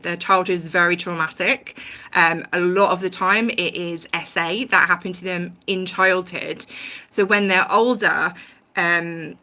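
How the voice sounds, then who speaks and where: A woman's voice: on the low side, sharp tone. A woman hosting a casual livestream, talking through her views at length with many ums and restarts. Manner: rambling, many ums and restarts, self-aware about tangents. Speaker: YouTube livestream host. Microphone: home livestream mic.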